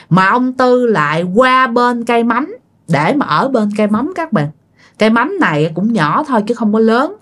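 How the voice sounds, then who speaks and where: A woman with a Southern Vietnamese accent telling a ghost story in a chatty, casual way, talking directly to her listeners. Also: medium pitch.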